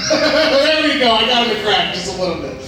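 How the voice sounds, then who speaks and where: A man's voice: high voice, sing-song, normal speed, background noise. A man doing a crude, rambling stand-up set on a club stage, laughing at his own jokes. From Hawaii. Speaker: stand-up comedian. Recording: echoey club from a distance, crowd.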